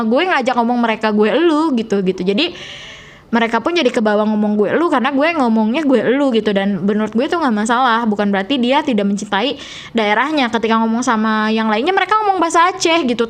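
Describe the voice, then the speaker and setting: A young woman with a soft, gentle Sundanese accent chats straight to the camera in a relaxed vlog. Her voice sits a little high. She rambles loosely and fills the gaps with small fillers. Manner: chatty, rambling, many fillers. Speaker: vlogger. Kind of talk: casual storytelling to camera.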